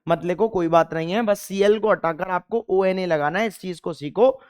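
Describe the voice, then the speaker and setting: A man's voice: high voice, normal speed, smooth. A young man teaching chemistry in an exam-focused lecture, emphatic, repeating key points and firing questions at the class.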